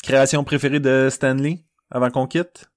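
A man's voice: medium pitch, fairly even intonation, normal speed. A man with a Quebec French accent, a co-host talking casually and colloquially. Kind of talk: casual chat.

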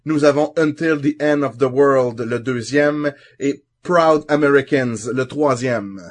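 A man's voice: mid-range voice, a little slow. A man with a Quebec French accent joking and chatting as a podcast co-host. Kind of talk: casual chat.

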